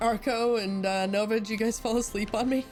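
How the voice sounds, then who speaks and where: A woman's voice: fairly high pitch, fairly even intonation, fairly quick, a little mellow. A woman streaming a game, chatting with friends in a playful, joking way and laughing often. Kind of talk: casual gaming commentary. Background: game music.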